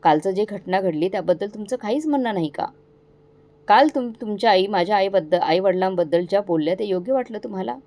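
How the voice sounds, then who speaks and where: A woman voicing a meek, hurt young wife in a storybook tale, speaking quietly and trembling. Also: mid-range voice, animated, fast talker, close to an everyday voice. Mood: pleading.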